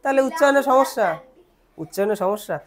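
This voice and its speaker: A young woman teacher with a Bengali accent explains a lesson step by step, asking questions and answering them herself. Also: fairly high pitch. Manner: asks questions and answers them herself, repeats words slowly.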